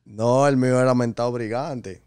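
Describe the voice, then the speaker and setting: A man's voice: medium pitch, steady tone, normal speed, darkish tone, clear, resonant tone, dry recording, clean studio sound. A man co-hosting a podcast, telling a story in a laid-back casual way.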